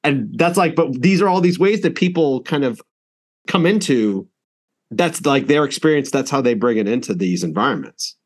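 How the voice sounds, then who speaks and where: A man's voice: medium pitch, animated, moderate pace. Chatty male podcast host. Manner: rambling, with frequent restarts and laughs. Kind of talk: casual podcast interview.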